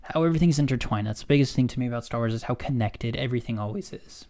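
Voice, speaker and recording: A man's voice: mid-range voice, racing, mellow. Chatty man with many fillers. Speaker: podcast co-host. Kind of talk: casual fan discussion.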